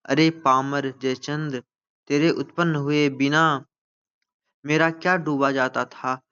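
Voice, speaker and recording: A lamenting figure of the nation, male and grief-stricken, crying out his losses in a slow, drawn recitation from a stage play, as a male teacher reads him aloud. His voice is smooth and resonant on a slightly dull, lo-fi recording. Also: on the high side, flat delivery, sharp tone. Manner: slow mournful recitation of dramatic text. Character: personified India, male, grieving and lamenting.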